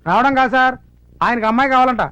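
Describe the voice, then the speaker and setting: An actor playing a fawning, meddling police constable who talks like a wheedling go-between. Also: male voice, very high-pitched, steady tone, rapid-fire, music in the background. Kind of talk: Telugu film comedy acting. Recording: dull film soundtrack.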